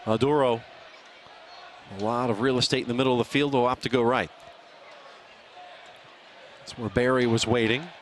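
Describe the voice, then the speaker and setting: A man doing live play-by-play soccer commentary, calling player names in brisk short bursts. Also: mid-range voice, fairly even intonation, slight background noise.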